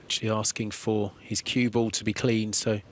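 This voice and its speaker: Calm, measured male billiards commentator. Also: on the low side, slight background noise. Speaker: sports commentator. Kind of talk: play-by-play commentary.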